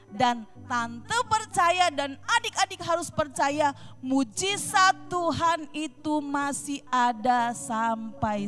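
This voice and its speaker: A woman teaching Sunday school, telling a Bible story to children in a lively way, asking them questions and acting out short lines from the story. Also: high voice. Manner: animated, addresses children directly with questions.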